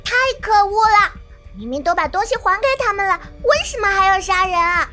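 Man doing a shrill, indignant young woman. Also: brisk, music in the background. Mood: outraged. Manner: outraged, shrill, shouting.

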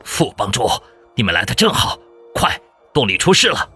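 A man's voice: medium pitch, big pitch swings, moderate pace, pushed and bright, husky, heavily acted. A man voicing a menacing male kidnapper who holds a hostage and sneers out threats, with faint music behind. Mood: urgent.

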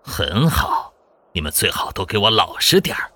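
Guy doing a nasty thug holding a hostage, low husky threats, soft music under it. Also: sing-song, moderate pace, no room sound, exaggerated voice. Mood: menacing. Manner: threatening, sneering. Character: menacing male kidnapper clutching a hostage.

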